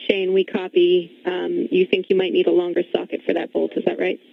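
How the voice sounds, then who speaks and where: A woman speaks over a narrow radio link with a creaky edge and very little room sound. She is measured and polite, relaying procedures as a mission control communicator. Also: lowish voice, completely flat delivery, no echo.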